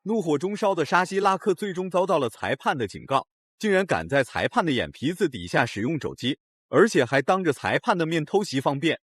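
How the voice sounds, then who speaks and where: A man's voice: fairly high pitch, big pitch swings, brisk, some chatter behind, a little hiss or hum. A man narrating a scripted recap of a fight in a dramatic, opinionated way. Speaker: video narrator.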